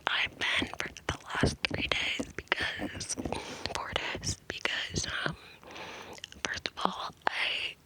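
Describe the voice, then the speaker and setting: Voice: takes it slowly, rough recording. A person whispering breathily into cupped hands close to the mic, in a casual, rambling ASMR style with hesitant asides. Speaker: ASMR creator. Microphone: close ear-to-ear microphone.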